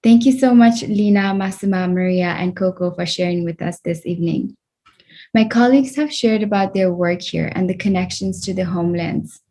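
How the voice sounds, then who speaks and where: A woman's voice: fairly low pitch, moderate pace, mellow. A woman hosting a virtual fundraiser over a video call, graciously thanking guests and introducing the next one. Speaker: event host.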